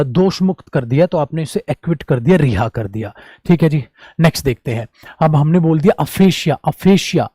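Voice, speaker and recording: A man teaching a quick vocabulary revision lesson, calling his students "my child" and "my brother". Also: fairly high pitch, mellow, no echo, studio quality.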